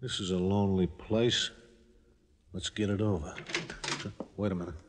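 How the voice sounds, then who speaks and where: Guy doing a tough gangster in hiding, lowish voice, clipped slangy talk, old radio show with faint noise. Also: steady tone, moderate pace, close to an everyday voice. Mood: menacing. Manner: terse, slangy. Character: tough male crook in hiding, curt and menacing. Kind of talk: 1940s radio crime drama acting.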